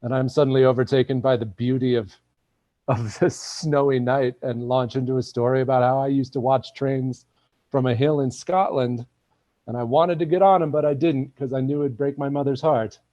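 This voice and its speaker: A man's voice: mid-range voice, fairly even intonation, moderate pace, dark tone, dry recording. A man, an actor, chatting casually over a video call, telling stories with animation.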